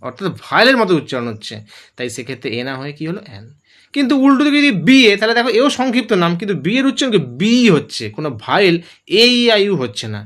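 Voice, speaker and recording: A male teacher walks through grammar rules step by step. His voice sits high and rises and falls with lively emphasis. He keeps asking his own questions and answering them. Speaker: English teacher.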